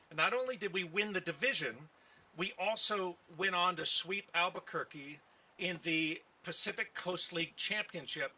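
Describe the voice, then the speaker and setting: A man's voice: on the high side, sharp tone. A man, a baseball team executive giving press conference remarks outdoors at a stand microphone, telling stories with many fillers. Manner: folksy storytelling with many fillers. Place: outdoor park event. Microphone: podium microphone on stand.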